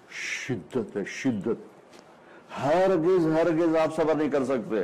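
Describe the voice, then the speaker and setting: A man preaching a sermon in a storytelling style. He acts out the dialogue with shifts of tone. He slows right down for recited verses. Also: medium pitch, a little mellow, low-quality recording.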